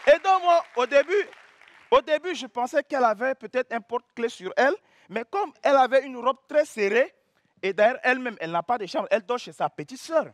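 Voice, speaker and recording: A man performing a comic stand-up story, animated and bursting into loud exclamations. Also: very high-pitched, fairly quick, no echo. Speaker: stand-up comedian.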